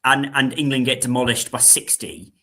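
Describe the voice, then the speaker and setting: A young man co-hosting a casual sports podcast, animated and dramatic, mocking himself. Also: mid-range voice, moderate pace. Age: young adult. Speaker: podcast co-host.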